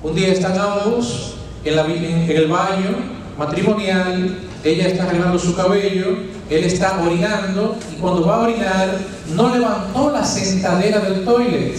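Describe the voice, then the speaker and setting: Preaching at a healing retreat, this friar from the Dominican Republic has a high voice, fairly even intonation and normal speed. He speaks Dominican Spanish and leans on rhetorical questions, homely sayings and folksy asides to teach. The far-off mic catches heavy church echo and slight background noise.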